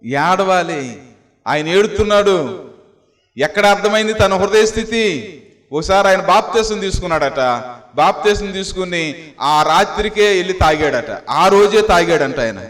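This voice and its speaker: A man's voice: sits high, measured pace, pauses often, a bit bright. A male pastor preaching a sermon, repeating exhortations and asking his listeners rhetorical questions. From Andhra Pradesh, India. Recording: long hall reverb.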